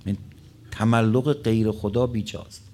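A man's voice: on the low side, steady tone, a little mellow. A man preaching a religious sermon, telling stories and quoting Arabic lines, his voice rising and dropping.

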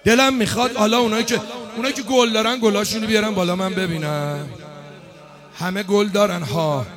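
A man delivering a mourning sermon at a religious gathering, moving between low chanting and loud shouting. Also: steady tone, music in the background. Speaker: mourning eulogist.

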